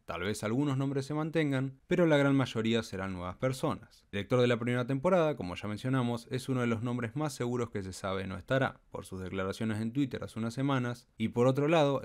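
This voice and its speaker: A man narrating a scripted anime news commentary as a channel host, with a steady explanatory delivery. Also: on the low side.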